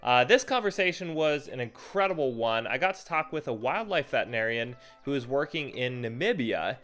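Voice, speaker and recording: Host: upbeat, chatty man, bright voice, faint music underneath. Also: mid-range voice, expressive, fairly quick. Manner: enthusiastic, chatty. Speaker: podcast host. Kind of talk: casual podcast chat.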